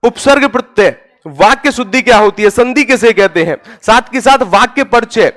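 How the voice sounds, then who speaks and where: A man teaching a Hindi grammar class, asking his students questions and answering them himself, with loud stresses on key words. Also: very high-pitched, animated, normal speed.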